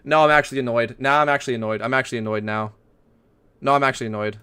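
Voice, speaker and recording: A young man livestreaming a game, chatting casually, swearing and ranting loudly at it. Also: medium pitch, rapid-fire, smooth. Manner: excitable, swears often, rants loudly at the game. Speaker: streamer.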